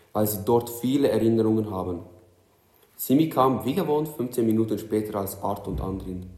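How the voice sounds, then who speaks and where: Young man reading a story, lowish voice. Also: mellow. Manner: plain reading with slips and self-corrections. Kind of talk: reading a self-written story aloud. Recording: roomy echo.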